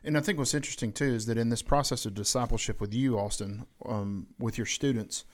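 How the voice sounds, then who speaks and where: A man with a mid-pitched voice and a light Southern accent hosts a relaxed podcast talk. He steers the discussion and keeps his guests going with steady murmurs of agreement. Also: fairly quick. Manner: conversational, frequent affirming backchannels. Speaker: podcast host. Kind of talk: casual podcast conversation.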